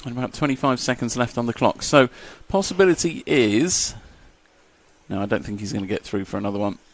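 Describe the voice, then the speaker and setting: A man's voice: medium pitch, brisk. A man doing live race commentary, chatty and jokey as he reads out lap times.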